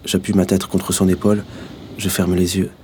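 A man narrating in the first person for a radio drama, quiet, measured and somber. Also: sits low, little pitch movement, a crowd in the background, natural voice. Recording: noisy background.

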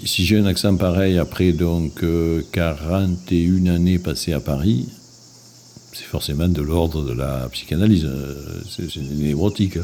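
A man's voice: sits low, dark tone. A man in his sixties from Marseille with a strong Marseille accent, speaking thoughtfully and hesitantly about keeping his accent. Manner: thoughtful, hesitant with many pauses. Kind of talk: reflective interview testimony. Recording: noisy background.

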